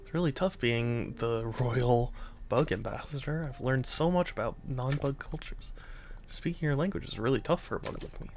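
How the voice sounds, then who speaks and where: Man voicing an earnest, soft-spoken little bug ambassador. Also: mid-range voice, moderate pace, natural voice. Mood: meek, earnest. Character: earnest, self-doubting bug ambassador, feeling out of place. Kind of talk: reading video game dialogue aloud.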